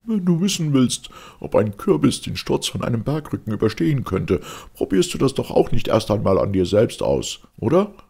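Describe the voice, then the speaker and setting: An agitated gentleman, voiced by a man reading aloud pushes his voice up high and loud in a storybook reading, sarcastic and snorting. Under the strain the tone stays low and gravelly. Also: very animated, moderate pace, full character voice.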